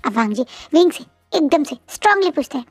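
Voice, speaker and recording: A woman's voice: sits high, big pitch swings, fast, no echo, faint music behind. A woman retelling a fan story in a chatty, casual way with conversational asides.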